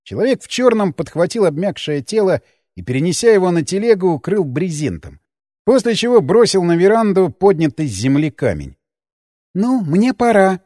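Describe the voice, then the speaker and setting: Give me a man narrating an audiobook, high and lively, close and dry. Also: a little fast, no room sound.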